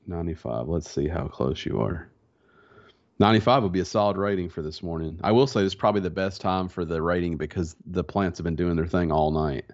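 Deep-voiced and brisk, a podcast co-host keeps things casual, laid-back, and slangy. His voice is slightly congested, as if from a stuffy nose. The recording, made in a small converted-barn home office, sounds dull and lo-fi.

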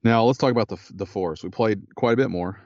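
A man's voice: on the low side, fast, a little mellow, dry recording, dull audio. A man co-hosting a podcast, chatting casually in a laid-back, somewhat tired way. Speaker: podcast co-host. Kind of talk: casual chat.

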